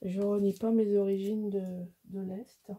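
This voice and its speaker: Middle-aged woman from Alsace, dark husky voice, chatty self-mocking craft tutorial host. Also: medium pitch, flat delivery, a little slow. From Alsace, France. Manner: rambling, self-mocking, many restarts. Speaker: scrapbooking crafter. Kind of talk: casual crafting tutorial chat.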